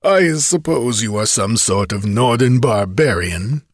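A man's voice: mid-range voice, expressive, unhurried, no room sound, clean studio sound. A man voicing a fat, gross, boastful male kidnapper who bellows bawdy, self-important talk in a storybook reading. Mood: mocking.

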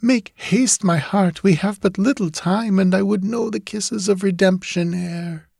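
A lovesick ghost of a young French woman, as a male narrator puts her on, pitched high above his own voice. She pleads in tender, old-fashioned phrasing with a French accent. The reading is dry and close, with no room sound. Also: measured pace, gravelly, darkish tone, slightly rough, dry recording. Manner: pleading, archaic speech.

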